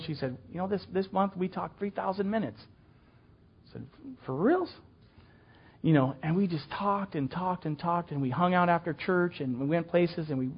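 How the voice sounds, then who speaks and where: An older man leads a class for church teachers, talking in a folksy, chatty way with plenty of "um"s and restarts. His voice sits a little high for a man, and the recording sounds dull and lo-fi. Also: breathy edge. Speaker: children's ministry teacher. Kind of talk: casual teaching talk to a class.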